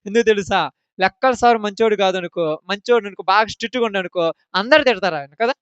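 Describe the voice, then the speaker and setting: A man's voice: sits high, fast, clean tone, no room sound, muffled recording. A man preaching a children's sermon, emphatically asking the children question after question.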